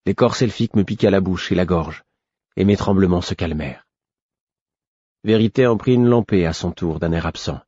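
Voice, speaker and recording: A man reading a novel aloud in calm first-person narration. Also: low-pitched, moderate pace, husky, no room sound, muffled recording. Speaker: audiobook narrator.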